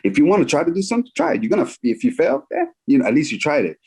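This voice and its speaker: A man in his forties, a filmmaker talking as a guest in a casual interview, animated and repeating phrases for emphasis. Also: on the high side, very fast, gravelly, breathy edge. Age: 40s.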